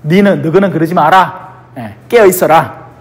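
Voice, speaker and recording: A man voicing a grave, gentle teacher who speaks slowly. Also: fairly high pitch, long reverb tail, voice pushed down, natural voice. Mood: solemn. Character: calm grave male teacher foretelling betrayal.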